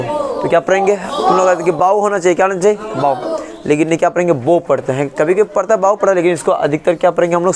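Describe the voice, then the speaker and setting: A male English teacher in a classroom, spelling words letter by letter and quizzing his class with repeated questions. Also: on the high side. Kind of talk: classroom lesson.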